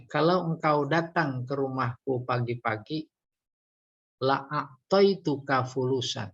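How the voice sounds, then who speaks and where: A man teaching Quran commentary in a religious study lecture, animated and teasing as he drills Arabic grammar terms. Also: a little high, breathy edge, dull audio.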